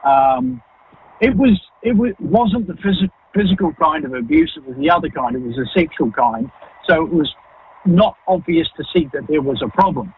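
A man's voice: fairly high pitch, lively intonation, moderate pace, vocal fry, breathy edge. A man with a New Zealand accent calls in to a talkback show while driving. The phone line keeps cutting out and breaking up, and he talks bluntly and casually with many hesitations. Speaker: caller. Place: in a moving car. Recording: tinny phone line that drops out.

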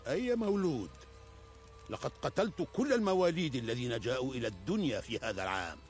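A man's voice: mid-range voice, expressive, fast talker, faint music behind, natural voice. An actor playing an arrogant, pompous pharaoh-like king who thinks himself a god, declaiming in a historical drama. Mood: troubled, brooding. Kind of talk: Arabic historical drama acting.

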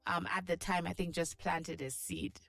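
Female morning radio DJ, breakfast host. Gravelly fry, dry studio sound, exhortative and encouraging, addresses the audience directly. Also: lowish voice, level tone, normal speed, a bit bright, no room sound. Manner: encouraging, exhortative, with rhetorical check-in questions. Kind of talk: morning radio DJ hosting, talking straight to listeners.

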